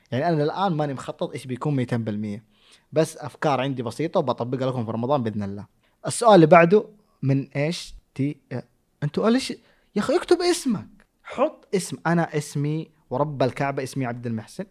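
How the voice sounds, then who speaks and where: A man with a Hejazi Saudi accent, a content creator answering follower questions in playful, teasing chat. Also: mid-range voice. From Saudi Arabia, Jazan. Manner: playful, teasing, jumps between loud bursts and mutters. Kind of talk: casual chat.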